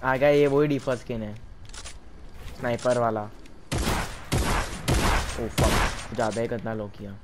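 A young man with an Indian accent giving quick, excited callouts to a teammate during a shooter game, often laughing, on a headset mic. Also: medium pitch. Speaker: gaming streamer. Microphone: gaming headset. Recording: noisy game audio behind.

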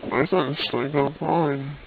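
A woman doing a curt, low-voiced friend. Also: takes it slowly. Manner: terse, flat replies. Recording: dull lo-fi sound with clear noise.

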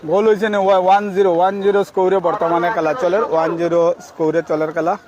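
High-pitched Sylheti-accented male football commentator. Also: little pitch movement, racing, lo-fi sound, crowd noise. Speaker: live-stream football commentator. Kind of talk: live football commentary mixed with casual chat to viewers. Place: outdoors by a roadside at a football ground.

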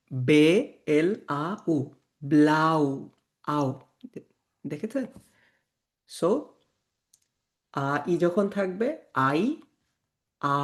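A man teaching German pronunciation to beginners, slowly spelling out letters and repeating words aloud, with English words mixed into his speech. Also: a little high, gravelly, a little mellow.

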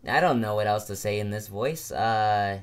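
A woman's voice: very deep voice, normal speed, clear, resonant tone. A young woman chatting casually between impressions, with stumbling asides. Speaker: streamer doing impressions. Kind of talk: casual chat.

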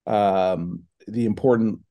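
Over a laptop video call from his home office, a middle-aged man speaks in a low, mellow voice, relaxed and thoughtful, pausing on fillers and circling back to restart phrases. He comes from New Hampshire and Ohio in the United States and is a foundation president appearing as a guest in a casual online interview.

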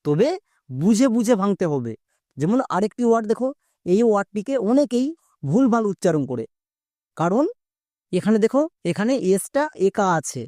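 A teacher walks through a pronunciation lesson one step at a time and keeps stopping to check that the listener follows. The voice is mellow and dark. The recording is dry and close, with no room sound. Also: mid-range voice, very animated, normal speed, pauses often, no echo. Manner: instructive, repeats steps and quizzes the viewer. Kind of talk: spoken lesson explaining word breaking.

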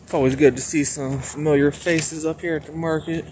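A man's voice: fairly high pitch, steady tone, brisk, darkish tone, slight background noise. A man in his twenties chatting casually and swearing a little as he vlogs from a phone held at arm's length. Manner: laid-back, casual with mild swearing. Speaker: vlogger selling at a flea market. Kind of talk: casual vlog chat.

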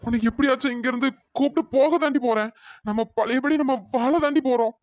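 A man playing a pleading cartoon husband, slow and tearful, mid pitch, dull dry lo-fi audio. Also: dry recording. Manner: begging, slow, soft.

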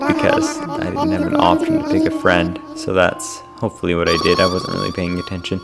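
A man giving casual game commentary, rambling and filling pauses with "um" while he talks to his viewers. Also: sits low, huge pitch swings, creaky. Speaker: gameplay vlogger. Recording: loud game music behind.

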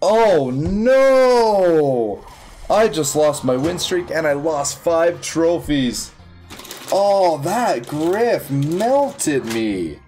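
A young man giving casual, excitable commentary while playing a video game, yelping and squealing at his wins. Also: a little high. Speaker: gaming YouTuber. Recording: faint music behind.

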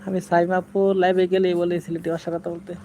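A man's voice: sits high, little pitch movement, fairly quick, darkish tone, a little hiss or hum. A man chatting casually on a live stream, answering viewers' comments and playfully slipping into dialect phrases.

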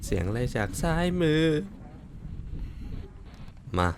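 A man's voice: slow pace, noisy background. A man playing a horror game and talking casually, jumpy and muttering, swearing often and calling out nervous hellos. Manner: calls out nervous hellos into the dark. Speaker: gaming channel host.

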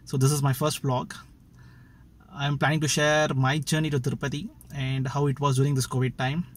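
A man's voice: mid-range voice, level tone, brisk. A young man with an Indian English accent, chatting casually to his vlog camera from inside a car, with frequent fillers. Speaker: travel vlogger. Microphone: phone camera at arm's length.

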